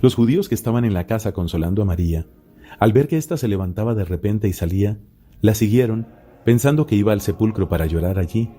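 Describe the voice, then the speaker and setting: A friar reads scripture in a low, deeply mellow voice with no edge at all. His delivery is solemn, measured and unhurried, with steady pauses between phrases. Faint Gregorian chant plays softly behind him. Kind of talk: solemn Bible reading. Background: faint Gregorian chant music.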